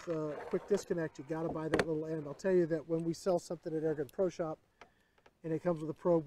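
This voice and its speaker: A man's voice: a little high, dark tone, slight background noise, rough recording. A middle-aged man hosting a casual airgun demo at an outdoor range, chatty and upbeat as he gives instructions. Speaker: airgun shop host demonstrating a rifle. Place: open-sided tent at an outdoor desert range.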